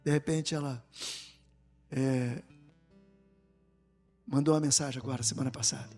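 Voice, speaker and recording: A middle-aged Brazilian man preaching a sermon, telling a story with animated swings from hushed to loud and acting out the voices he quotes. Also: mid-range voice, normal speed, big-room sound, soft background music.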